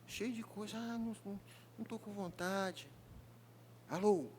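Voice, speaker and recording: A man preaching a sermon as pastor in a church, with a Rio de Janeiro Brazilian Portuguese accent, talking in an animated, joking way and often asking the congregation questions. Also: high voice, normal speed, slight background noise. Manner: animated, jokey, mimics congregants, often asks the crowd. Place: church hall.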